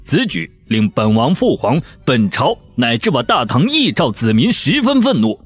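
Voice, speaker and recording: A man voicing a composed young prince who speaks as envoy in forceful, measured, formal sentences. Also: mid-range voice, huge pitch swings, husky, soft background music. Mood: firm formal.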